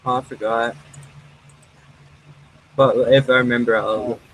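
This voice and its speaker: A man's voice: medium pitch, fairly even intonation, unhurried, rough recording. Rambling young man hosting a call. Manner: rambling, lots of fillers. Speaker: host. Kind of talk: casual chat over voice call.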